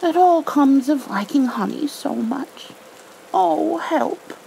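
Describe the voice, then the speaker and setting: A woman's voice: high voice, lively intonation, takes it slowly, vocal fry, warm tone, voice pushed up, heavily acted, rough recording. A woman voicing a naive, earnest, honey-loving little male bear from a storybook, musing in a singsong way. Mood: flustered, rueful. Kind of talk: storybook read-aloud character voice. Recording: faint background noise.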